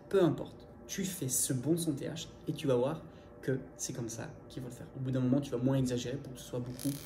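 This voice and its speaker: Lively guy teacher talking fast to camera, dark mellow voice, roomy echo. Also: on the high side, slight background noise. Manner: lively, fast, direct to viewer. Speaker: English teacher. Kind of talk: energetic video lesson.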